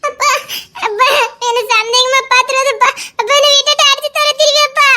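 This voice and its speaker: Frightened young woman for an audio drama a woman acts her: very high, bright, shaky and tearful. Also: fairly even intonation, normal speed, full character voice. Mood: tearful, scared. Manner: tearful, shaky, laughing through sobs. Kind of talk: Tamil serial-style audio drama.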